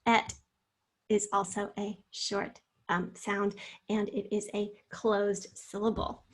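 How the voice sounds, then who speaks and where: A woman teacher giving a spelling lesson, slowly sounding out syllables and speaking encouragingly to her students. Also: medium pitch, monotone. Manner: slow, drawn-out sounding out of words; encouraging, addresses students directly.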